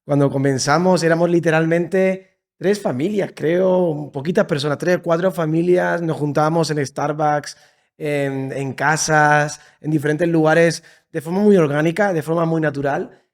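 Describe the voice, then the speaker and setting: Speaking at normal speed with a voice on the high side, a man in his thirties from Seville shares his story as a podcast guest. He is a church leader with an Andalusian Spanish accent, and his storytelling in this casual interview, held in a creative studio in Madrid, is warm, enthusiastic and full of repetitions.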